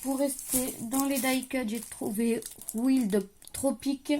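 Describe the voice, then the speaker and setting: Young woman rambling through a craft haul at home, slightly high mellow voice, faint hiss behind. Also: fairly even intonation, slow. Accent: French-speaking, regional. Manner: chatty, thinks aloud while unpacking, trailing off. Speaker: crafting vlogger showing a haul. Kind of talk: casual haul chat to camera. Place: at home, at a craft table, creaky chair.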